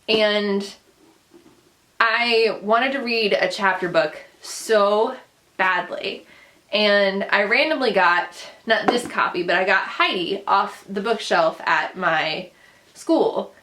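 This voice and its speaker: This earnest young woman is a booktuber and vlog host who speaks Dutch and grew up in the Netherlands, then the United States. Her medium-pitched voice sounds pushed and bright as she tells personal stories casually to camera.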